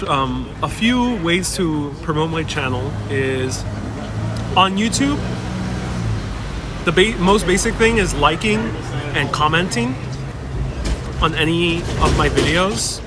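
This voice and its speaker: A young man with Spanish as his first language hosts a casual outdoor livestream, his voice on the high side, animated yet slow-paced. He warmly rambles and reads out viewer questions on a busy city street, recorded on a wireless clip-on mic amid clearly audible crowds and traffic.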